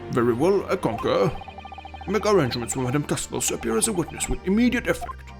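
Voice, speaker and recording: A man's voice: on the high side, big pitch swings, fast, creaky, over music. A man voicing an older male judge who speaks formally and doubtfully, in a fan dub of a video game. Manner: formal, ponderous court speech.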